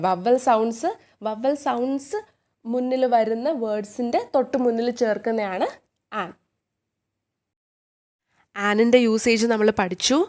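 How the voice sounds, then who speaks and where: A woman with a Malayali accent teaching an English grammar lesson, patiently asking the listener questions and repeating examples slowly. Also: a little high.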